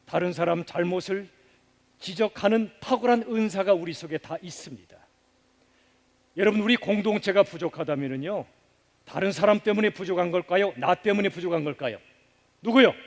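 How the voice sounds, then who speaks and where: A man preaching a sermon as pastor, asking the congregation questions and leading them in repeating phrases, with loud stresses that drop to hushed endings. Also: high-pitched. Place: church sanctuary. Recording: long reverb of a church sanctuary.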